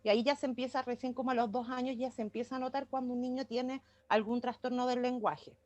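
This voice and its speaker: A woman's voice: on the high side, little pitch movement, fast talker, a little mellow. A woman, a student summarizing her section of a class presentation over a video call, hesitant and full of fillers. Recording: muffled video call audio.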